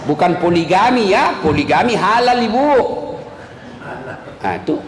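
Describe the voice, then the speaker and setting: Lively high-voiced man preaching. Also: measured pace, noisy background. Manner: animated, jokes with the audience, rhetorical questions. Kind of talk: humorous sermon. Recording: echoey hall reverb.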